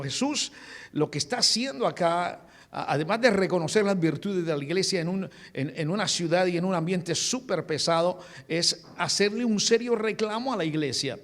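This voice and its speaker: Earnest preaching pastor in a reverberant church. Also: male voice, high-pitched, a bit bright. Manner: earnest preaching, addresses listeners as beloved, many restarts. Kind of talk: sermon.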